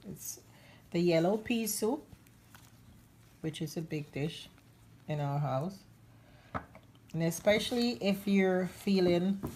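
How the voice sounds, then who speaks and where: Cooking show host, woman, slightly sick voice, relaxed chatty delivery, recorded in a noisy home kitchen. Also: fairly low pitch. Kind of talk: casual cooking demonstration. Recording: clattering kitchen noise behind. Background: pots, dishes and cutlery.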